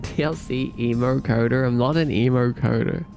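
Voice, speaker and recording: A man's voice: medium pitch, normal speed, creaky, darkish tone, faint music behind. A young man, casually chatting and joking with his livestream viewers. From Australia. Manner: playful, laughing, teasing chat. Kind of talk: casual chat reading viewer comments.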